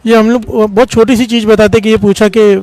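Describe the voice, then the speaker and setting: A man's voice: high-pitched, level tone, a little fast, a little mellow, faint music behind. A man giving a Sikh katha sermon, telling stories and calling out responses from the congregation. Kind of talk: devotional sermon with storytelling.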